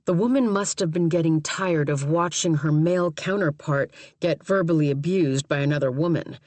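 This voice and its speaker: A woman narrating an audiobook in a measured, even storytelling manner. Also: deep voice, dry recording. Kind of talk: scripted narration.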